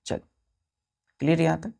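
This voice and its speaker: A woman's voice: moderate pace, dark tone. A woman teaching a vocabulary class, spelling words letter by letter, asking the class questions and answering them herself.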